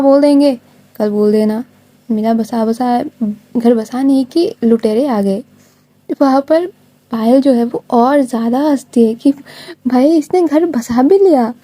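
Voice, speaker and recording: Dark-voiced woman telling a story. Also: high-pitched, no echo. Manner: chatty, informal retelling with many fillers. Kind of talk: casual spoken story narration with voiced dialogue.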